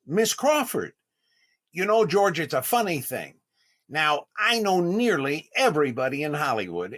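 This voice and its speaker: In a 1930s radio comedy manner, a man voices a vain, easily flustered, eager comedian full of stammering and stretched-out exclamations. He pitches his voice on the high side with a fairly bright tone, acting it heavily.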